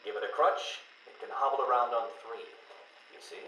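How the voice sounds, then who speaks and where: An actor playing a smug, arrogant genius villain in a game, theatrical and precise with drawn-out emphasis. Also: male voice, mid-range voice, bright, forceful tone, roomy sound, a little hiss or hum, close to an everyday voice, poor audio. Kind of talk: video game voice acting.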